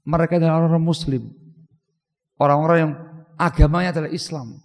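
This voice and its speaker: Male preacher, slightly high voice, animated sermon delivery, long reverb. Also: quick pace. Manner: lively storytelling, swings between loud and hushed. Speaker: Islamic preacher.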